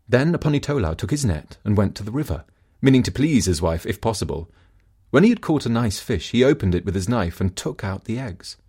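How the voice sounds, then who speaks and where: Reading a folk tale from a script, a storybook narrator speaks fairly quickly in a fairly low, husky voice, his intonation rising and falling widely with great liveliness.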